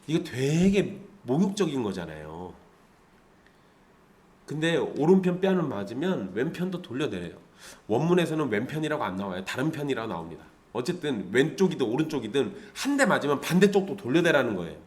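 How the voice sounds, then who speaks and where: A man's voice: mid-range voice, very animated, brisk, a little mellow. A male pastor giving a conversational Sunday sermon, asking the congregation rhetorical questions and explaining scripture.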